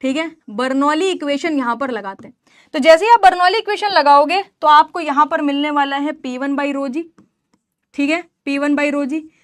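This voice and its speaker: A woman teaching an engineering class in a high voice, close and dry with no room sound. She poses questions to the students and answers them herself, and now and then teases them. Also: normal speed, no room sound. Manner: teasing scolding asides to students. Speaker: engineering lecturer. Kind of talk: classroom lecture mixing Hindi and English terms.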